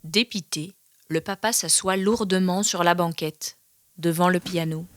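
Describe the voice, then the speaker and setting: A woman reading a children's storybook aloud, softly and expressively. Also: fairly low pitch, measured pace.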